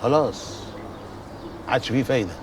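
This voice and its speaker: An actor playing a cautious, conscience-stricken brother with an Egyptian accent, speaking earnestly. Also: male voice, mid-range voice, a little fast, distant mic, noisy background, close to an everyday voice. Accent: Egyptian Arabic. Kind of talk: TV drama acting.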